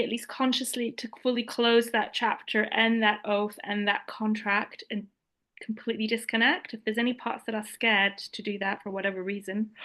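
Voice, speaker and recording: A woman energy healer calmly guiding a live healing session over a video call. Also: a little high.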